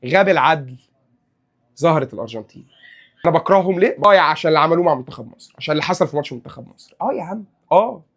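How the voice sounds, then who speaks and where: A man's voice: fairly high pitch, lively intonation, very fast, few pauses, fairly bright tone. A young man with an Egyptian Arabic accent, ranting about football in a mocking, sarcastic way and repeating his questions for emphasis. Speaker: football commentator vlogger. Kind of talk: animated comedic rant to camera.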